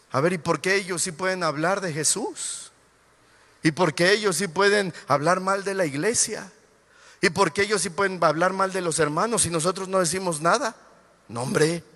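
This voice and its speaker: Predicador mexicano de timbre claro y tenso, enfático, grabado en una sala con reverberación. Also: male voice, a little high, sharp tone. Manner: emphatic, preaching with rising fervor. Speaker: pastor. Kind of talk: sermon. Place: church sanctuary. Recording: reverberant church hall.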